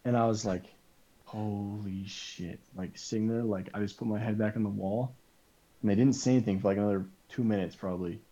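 A man as a podcast guest, telling a story casually, animated and full of "like" and quoted back-and-forth. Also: on the low side, fast talker, highs cut off.

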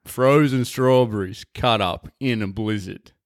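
A man's voice: fairly low pitch, measured pace, a little hiss or hum. A young man co-hosting a casual podcast, easygoing and joking with dry quips. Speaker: podcast co-host. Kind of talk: casual chat.

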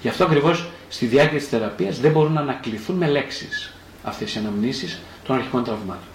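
A man's voice: medium pitch, echoey room, slight background noise, poor audio. A male psychotherapist giving a spoken lecture, asking questions and then answering them himself, and sometimes speaking as a child in the first person. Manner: animated, asks and answers his own questions.

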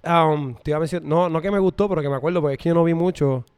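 A young man co-hosting a relaxed podcast conversation, speaking with a Puerto Rican accent. His voice is slightly high for a man and comes across smooth and clean. He slips English words into his Spanish as he chats. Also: very fast. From Puerto Rico. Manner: chatty, mixes English words into his speech. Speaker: podcast co-host. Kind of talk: casual chat.

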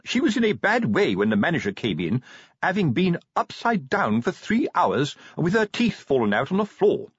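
A male narrator voices a pompous older police sergeant, fatherly and prudish, speaking at a moderate pace in a sing-song manner with big pitch swoops and hesitant, colloquial, self-important phrases, earnest yet embarrassed. This comic-storybook audiobook dialogue sounds slightly muffled but not husky, with very little room and no echo.

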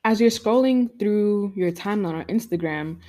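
A woman's voice: mid-range voice, normal speed, heavy background noise. A woman in her early twenties co-hosting a podcast, chatting casually and laughing often. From United States. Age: 20s. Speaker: podcast co-host. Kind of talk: casual chat.

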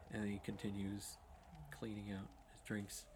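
A man's voice: fairly low pitch, monotone, background noise. Young man running a tabletop game. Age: young adult. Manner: casual, halting, with many fillers. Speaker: game master.

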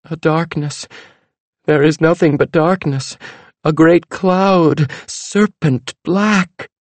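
A man voicing a female fortune teller in a prophetic trance, chanting in a high, drawn-out, wailing voice. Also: no room sound. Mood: entranced.

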